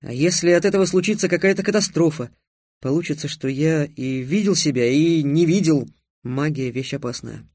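An earnest, cautious young hero, read by a man in a low, subdued voice. The tone is slightly high for a man and the recording is dry and close. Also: moderate pace, a little mellow, no room sound.

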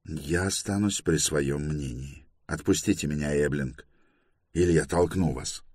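A man's voice: extremely low pitch, unhurried, a little mellow, slightly rough, no room sound, clean studio sound, exaggerated voice. A man voicing a curt, bitter male spaceship captain in an audiobook. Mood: stubborn. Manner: curt, grim.

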